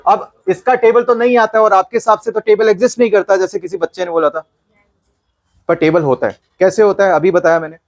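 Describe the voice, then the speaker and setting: A man's voice: sits high, fairly even intonation, a little fast, soft background music. A man teaching a maths session to a class of youths, playful and quizzing the students often. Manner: playful, quizzing the class, mixing Hindi and English.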